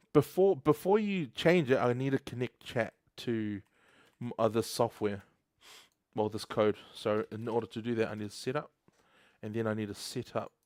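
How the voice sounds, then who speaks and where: A New Zealand livestream host, a chatty new guy, runs a casual live coding session, laughing frequently and reading the chat aloud. His mid-range voice is a little mellow, captured in clean studio sound with no echo.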